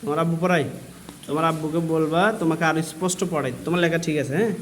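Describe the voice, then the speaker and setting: A young male schoolteacher with a slightly high voice talks in a firm yet gentle way as he calls children up one by one and checks their work. A faint hum of classroom ambience sits behind him. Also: steady tone, fast. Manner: firm but gentle, calls pupils forward and questions them. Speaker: primary school teacher. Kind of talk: classroom vlog, checking pupils' handwriting. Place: government primary school classroom.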